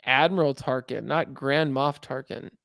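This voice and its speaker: A man's voice: medium pitch, a little slow, creaky, a bit bright, no echo, clean studio sound. A man hosting a podcast in casual, rambling chat, joking and laughing often. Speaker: podcast host.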